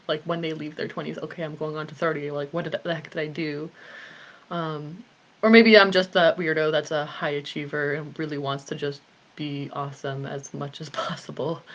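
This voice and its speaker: A woman's voice: fairly low pitch, a bit bright, dull audio. A woman in her late twenties chatting candidly on a live video with her group, rambling a little with plenty of ums. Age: 20s. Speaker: author and group host. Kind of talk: casual live video chat.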